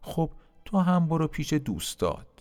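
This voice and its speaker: A kind, helpful apple that reassures a friend, as a man plays it. The voice is lifted a little higher, with animated swings of pitch. It is a gentle storybook character. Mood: friendly.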